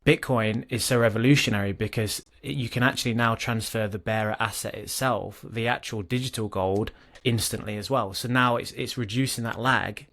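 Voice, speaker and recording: A man's voice: lowish voice, fairly even intonation, a bit bright. A man co-hosting a podcast, talking casually and reading a book chapter aloud, with frequent restarts and asides. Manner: chatty, self-correcting, pauses to comment. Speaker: podcast co-host.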